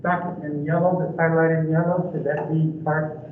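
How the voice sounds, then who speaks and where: A man on a school board asks pointed, practical questions. His voice is a little high for a man and comes through tinny. He sounds far from the microphone in an echoing room. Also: little pitch movement, moderate pace, a little hiss or hum. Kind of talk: meeting discussion.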